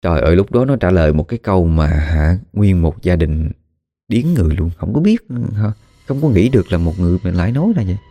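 A man tells a ghost story in a casual, colloquial way. His voice is very low and mellow, and he breaks into dramatic exclamations as he speaks. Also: lively intonation, quick pace. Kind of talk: spoken ghost story narration.

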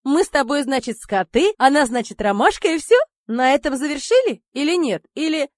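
A woman reading an audiobook, voicing a brash, foul-mouthed man who talks loudly and jeers. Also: high-pitched, very animated, fairly quick, no echo, clean studio sound, voice pushed up. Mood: jeering. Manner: loud, jeering, swearing.

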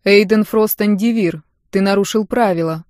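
A woman voicing a stern, cynical man of a dark order who speaks in a cold, formal verdict tone. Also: mid-range voice, moderate pace, dry recording, studio quality, natural voice.

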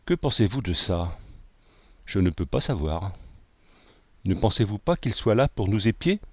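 A man's voice: on the low side, very animated, unhurried, a little mellow, no room sound. A man reading an alarmed young settler. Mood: worried. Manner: alarmed, urgent warnings. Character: frightened young male settler on watch. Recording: dull lo-fi, dry.

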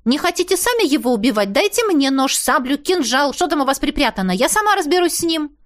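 A woman's voice: high voice, unhurried, voice pushed up. A woman voicing a fiery, indignant young heroine. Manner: indignant, sarcastic. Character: fiery, sharp-tongued young woman, a reluctant bride. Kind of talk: audiobook character voice.

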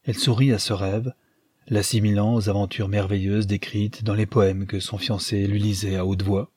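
A man narrating a literary audiobook in a measured storytelling manner, with a husky voice. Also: lowish voice, little pitch movement, dark tone, no echo.

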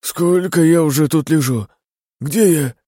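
A man voicing a broken, feverish young man who is hoarse, trembling and stammering, in an audiobook. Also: fairly high pitch, unhurried, warm tone, no echo, studio quality, pitched above the performer's own voice. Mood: delirious. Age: young adult.

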